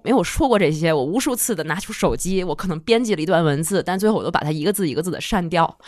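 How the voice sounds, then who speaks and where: A woman in her thirties, a guest on a talk show, telling an emotional personal story in a halting, heartfelt way. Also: on the low side, no room sound, clean studio sound. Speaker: guest listener.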